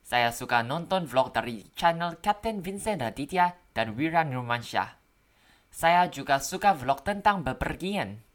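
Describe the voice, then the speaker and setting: Low-voiced woman, foreigner speaking Indonesian. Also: expressive, measured pace. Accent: foreign learner's. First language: not Indonesian. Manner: foreigner speaking Indonesian, careful learner's delivery. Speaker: podcaster learning Indonesian. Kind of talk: prepared personal podcast monologue.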